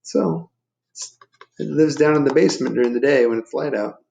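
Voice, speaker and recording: Reading a children's picture book, this man pauses for chatty asides that explain things and put questions to his young audience. He speaks at normal speed in a gravelly, mid-range voice with a darkish tone, and the sound is lo-fi.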